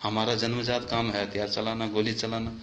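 A man's voice: fairly low pitch, little pitch movement, a little fast, a bit bright, reverberant, slight background noise. A man speaking as a soldier, making an impassioned, accusing complaint that rises in anger. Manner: indignant, accusing, rising in anger.

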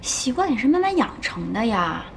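A woman's voice: fairly high pitch, big pitch swings, normal speed, gravelly, slight background noise. A woman acting in a TV drama, speaking in a worried, questioning way. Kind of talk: TV drama dialogue.

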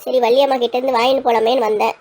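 A woman's voice: fairly high pitch, flat delivery, racing, a little mellow, close to an everyday voice. A woman playing a feisty, quarrelsome old grandmother in a comic village skit, scolding and threatening. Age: older. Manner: scolding, threatening, then tearful.

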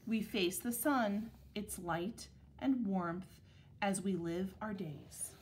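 A woman teacher reads a picture book aloud to young children with measured, deliberate phrasing. Her voice is medium-pitched with a darkish tone.

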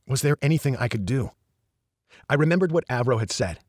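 A man reading a first-person thriller audiobook in an even, measured storytelling manner. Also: mid-range voice, no echo, studio quality. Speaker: audiobook narrator.

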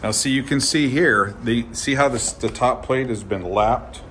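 A man's voice: medium pitch, a little slow, fairly bright tone, slight background noise. A man giving a casual walkthrough of an unfinished framed building, talking straight to his viewers in a folksy, repetitive way while filming on a phone. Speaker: construction walkthrough guide. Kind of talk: casual filmed site walkthrough.

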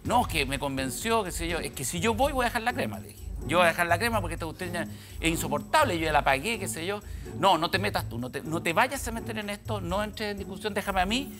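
A middle-aged man with a Chilean accent tells a comic anecdote in a TV studio, acting out each exchange. His pitch swings widely as he plays every part. Music runs clearly underneath. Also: quick pace. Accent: Chilean Spanish. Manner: animated, acts out dialogue and sound effects. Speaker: comedian guest.

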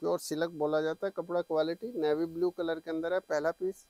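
A middle-aged man giving an eager teleshopping-style sales pitch, full of repeated assurances, as he presents products on a lapel mic. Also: flat delivery, brisk, darkish tone, no room sound. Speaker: saree shop seller and presenter. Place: small saree shop, indoors. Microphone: clip-on lapel mic.

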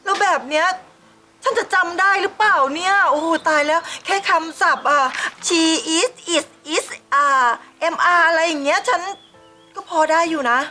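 A woman playing an anxious, excitable newly promoted employee who frets and exclaims loudly in an online short drama. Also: very high voice, fairly quick, soft background music. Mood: worried. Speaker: new marketing manager.

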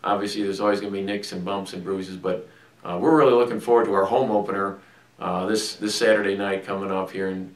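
A man's voice: low-pitched, steady tone, fairly quick. A middle-aged man, a head football coach, giving plainspoken postgame remarks to camera, stumbling through restarts and fillers. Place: small indoor room before a team logo backdrop. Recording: roomy echo, mic at a distance.

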